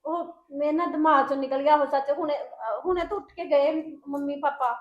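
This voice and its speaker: A woman's voice: sits high, steady tone, a little fast, highs cut off, lightly acted. An actress playing a young wife who defends herself and argues back at her husband in a family drama skit. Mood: defensive, hurt. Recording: echoey room with faint music.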